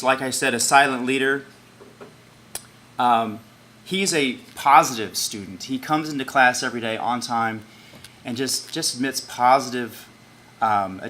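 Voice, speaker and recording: A choir teacher giving a halting award introduction for a student, with many ums and restarts. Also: male voice, medium pitch, bright, forceful tone, a little hiss or hum.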